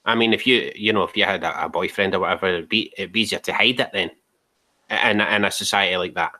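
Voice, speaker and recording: A man's voice: low voice, quick pace, bright, forceful tone. A man interviewing a guest in a casual conversation, asking short questions and dropping in brief listening sounds.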